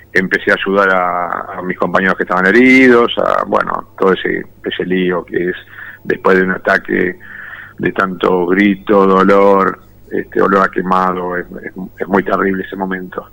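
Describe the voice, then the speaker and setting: A deep, slightly bright male voice with vocal fry comes through a dry, low-quality recording. He's an Argentine war veteran in his fifties giving personal testimony in an interview, reflecting on his story as he tells it.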